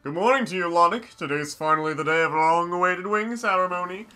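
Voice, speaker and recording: A man's voice: high voice, fast, sharp tone, clean tone, faint music behind, voice pushed up. A man voicing an eager, friendly villager giving cheerful instructions in a video game.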